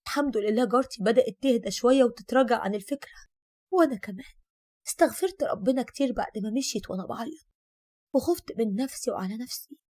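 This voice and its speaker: A woman's voice: fairly high pitch, animated, fast talker, a little mellow. A woman in her thirties with an Egyptian accent, narrating a personal story in an emotional, confiding way. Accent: Egyptian Arabic.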